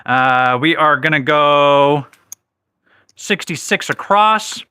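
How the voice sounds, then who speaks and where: A man's voice: a little high, lively intonation, slow, sharp tone, clear, resonant tone, no room sound, clean studio sound. A man hosting a live craps stream, chatting casually, reading viewer comments and correcting himself, while he has the hiccups. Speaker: livestream host.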